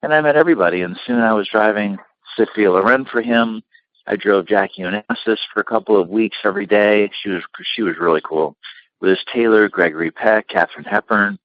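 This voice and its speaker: A middle-aged man with a deep, low voice tells long, rambling stories, with plenty of "you know" and "like." The sound is dry and a bit dull. It feels like a relaxed interview about his career. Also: fairly quick, no echo. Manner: rambling anecdotes with many fillers. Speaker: limousine company founder, interview guest.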